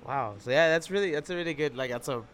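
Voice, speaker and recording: A man's voice: a little high, fast talker, fairly bright tone, a little hiss or hum. A man in his twenties hosting a casual podcast chat, rambling and repeating himself as he feels out his point. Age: 20s. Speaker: podcast host.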